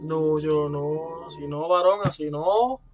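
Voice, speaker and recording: A man's voice: on the high side, takes it slowly, soft background music. A young man with a Caribbean Spanish accent commentating on a horror game as a panicking, jumpy gamer who swears a lot. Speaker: gamer recording gameplay with commentary. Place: small room at home, indoors.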